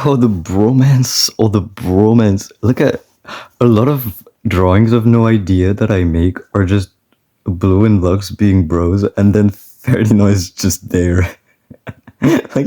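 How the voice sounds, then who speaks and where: A man's voice: fairly low pitch, mellow. A man of twenty-one chatting casually and rambling, often stopping himself mid-sentence and laughing. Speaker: artist vlogger. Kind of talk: casual chat.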